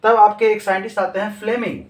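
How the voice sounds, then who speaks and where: A man with a fairly high voice teaches a class, posing questions and answering them himself. He goes over each key term more than once. The room gives his voice a clear echo. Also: level tone, fast. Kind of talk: classroom lecture. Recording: echoey room.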